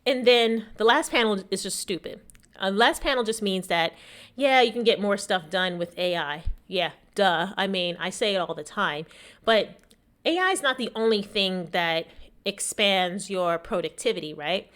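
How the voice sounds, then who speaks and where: A woman's voice: mid-range voice, animated, moderate pace, a bit bright. A woman hosting a casual explanatory talk in a slightly shaky voice worn by a lingering cough, making her points emphatically and with opinion. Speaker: host, small business technology educator.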